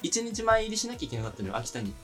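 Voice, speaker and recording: A man casually chatting as a podcast co-host, telling rambling stories and laughing often, saying he feels low-energy today. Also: sing-song, racing, fairly bright tone, soft background music. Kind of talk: casual chat.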